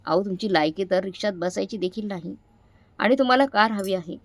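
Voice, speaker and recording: A woman's voice: mid-range voice, a little fast, no echo, lightly acted. A woman voicing an arrogant, scornful young daughter-in-law in a story, speaking in a sneering, raised voice.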